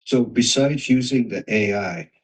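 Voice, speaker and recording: A man's voice: mid-range voice, a little slow, far from the mic, rough recording. A man asking probing, rambling questions about how a program works in a casual call. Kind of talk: casual video-call discussion.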